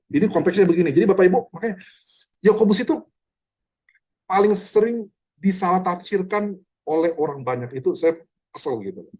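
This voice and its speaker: A man, a pastor, teaching a Bible study online in an animated, conversational way, quizzing listeners by name. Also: on the high side. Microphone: online video call.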